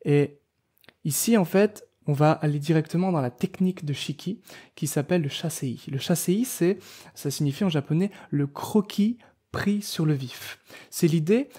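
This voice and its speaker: A man explains poetry writing in a relaxed, informal way, speaking directly to the listener and often stopping to restart a phrase. His voice sits a little high yet sounds mellow and soft. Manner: direct, informal, many fillers and restarts, addresses viewer as tu. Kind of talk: casual spoken tutorial to camera.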